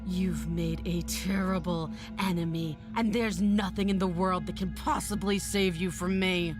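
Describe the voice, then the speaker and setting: An actress playing a wounded, vengeful princess in a video game, fierce and dramatic. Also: female voice, on the low side, fairly even intonation, a little slow, natural voice. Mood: menacing. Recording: music behind.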